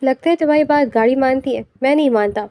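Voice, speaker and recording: A woman's voice: high-pitched, dark tone, no echo, clean studio sound. A woman voicing a tender young husband, once stern, in an audiobook novel. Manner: tender and affectionate.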